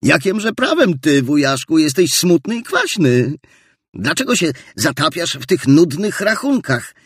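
A ringing, eager young nephew with a high, lively voice, as a male narrator puts him on. His voice is a little husky and sounds dry and close to the mic, as in a storybook reading. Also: unhurried, no room sound, exaggerated voice. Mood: cheerful pleading. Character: cheerful young man, warm-hearted nephew.

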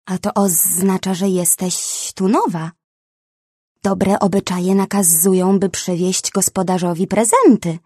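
Greedy menacing male snake, voiced by a woman, slow hissy drawl, breathy, dry sound. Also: lowish voice, steady tone, warm tone, no echo. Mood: disappointed, lecturing. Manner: slow, drawn-out, hissing threats.

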